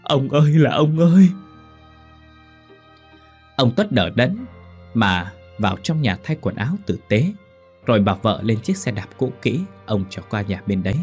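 A man narrating a scripted horror story in a steady reading voice. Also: on the low side, moderate pace. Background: faint background music.

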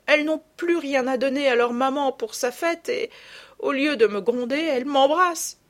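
A woman's voice: sits high, moderate pace, voice pushed up, natural voice. A woman voicing a remorseful little girl who sobs and pleads breathlessly. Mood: tearful pleading.

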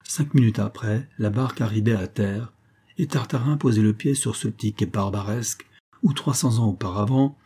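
A man narrating a classic novel as an audiobook, reading in a measured, dramatic way. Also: fairly low pitch, warm tone, breathy edge. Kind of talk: scripted narration.

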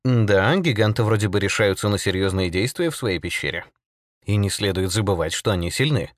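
A man's voice: fairly low pitch, a little fast, dry recording, clean studio sound, lightly acted. A man voicing a male newspaper reporter with grim irony. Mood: wry. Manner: grimly ironic.

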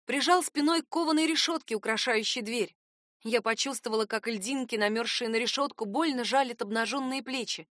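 Woman narrating a dark story in first person, highish voice, dry close sound. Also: fairly quick, no room sound. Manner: tense, dramatic reading. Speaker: audiobook narrator.

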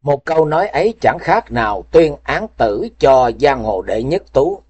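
A man's voice: medium pitch, sing-song, normal speed, a little mellow. A man reading a martial arts novel aloud with dramatic storytelling. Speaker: narrator.

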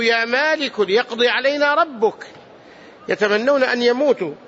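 A man's voice: extremely high pitch, pushed and bright, dull audio, slight background noise. A man teaching hadith in a large mosque, speaking earnestly, repeating phrases and adding prayers. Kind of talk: mosque lesson commentary.

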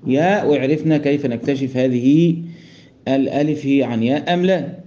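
A man's voice: mid-range voice, normal speed, warm tone. A man with an Egyptian accent teaching a class on Quran recitation rules, explaining step by step, quizzing his students and chanting verse quotations. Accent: Egyptian Arabic. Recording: dull lo-fi recording.

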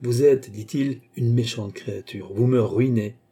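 A man's voice: medium pitch, measured pace, dark tone, breathy edge. A man doing a pompous, blustering rogue. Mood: mock-serious. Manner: mock-serious, pompous. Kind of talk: audiobook character voice.

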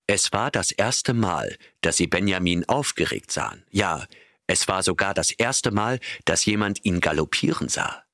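A man reading an audiobook in a steady, measured narration. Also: low voice, dry recording, clean studio sound. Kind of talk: scripted narration.

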